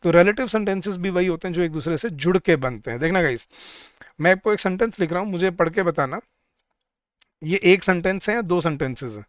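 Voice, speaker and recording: A young man teaching an online exam-prep English lesson, explaining patiently to his viewers, slowing right down for each example sentence. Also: high-pitched, no echo, studio quality. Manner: talks to viewers directly, often says "guys".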